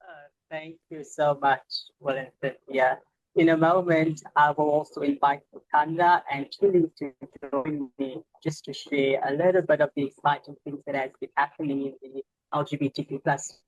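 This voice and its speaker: A man presenting in an online meeting, his audio glitchy and breaking up over the video call, speaking in a measured way with hesitations. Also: on the high side, fairly even intonation, no room sound, highs cut off. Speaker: program presenter.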